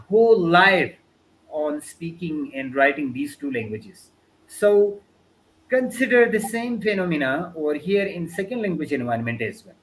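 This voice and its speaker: Speaking with a Pakistani accent, a Balti-speaking guest lecturer answers questions during an earnest webinar over video call, sprinkling in "you know" and "means." The man's voice is high, there's slight background noise, and the recording is rough.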